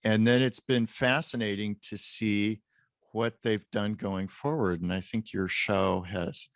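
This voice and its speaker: A man in his late fifties, a professor guest in a casual interview, telling an animated story. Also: lowish voice, a little slow, no echo.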